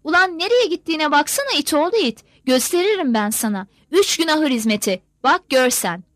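A woman's voice: high-pitched, sing-song, fairly quick, no echo, clean studio sound, voice pushed up. A woman doing a roaring, bullying army sergeant-major. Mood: roaring, abusive. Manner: barking, abusive.

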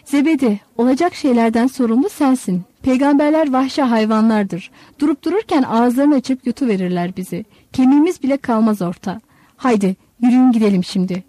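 A woman's voice: fairly high pitch, brisk, warm tone, no echo, natural voice. A woman voicing two burly fishermen who speak half in jest, half in fear. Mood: mock-fearful.

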